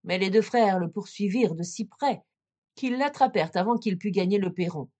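Woman reading a classic fairy tale. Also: mid-range voice. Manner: measured, expressive narration. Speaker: storyteller.

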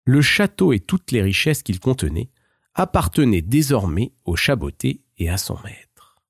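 A man narrating a fairy tale in a measured, expressive storybook style. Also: medium pitch, breathy edge, no echo, studio quality.

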